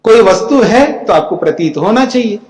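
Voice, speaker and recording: A man's voice: high voice, lively intonation, normal speed, a little mellow. A man, a spiritual teacher, giving a scripture commentary lecture; he reads Sanskrit lines, then explains each in plain speech and keeps checking that his listeners follow. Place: ashram lecture hall. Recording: echoey hall with long reverb.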